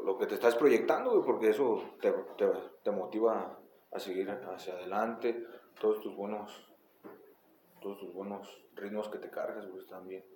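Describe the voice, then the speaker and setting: A man's voice: fairly low pitch, a little mellow. A man with a Mexican Spanish accent, bantering crudely and joking in casual chat. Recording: echoey room, faint background noise.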